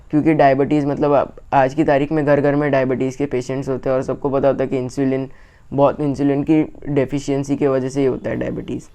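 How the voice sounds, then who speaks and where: A man with an Indian accent teaching an exam revision lesson, reading each English line very slowly and then explaining it in quicker Hindi. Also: medium pitch, warm tone, clear, resonant tone.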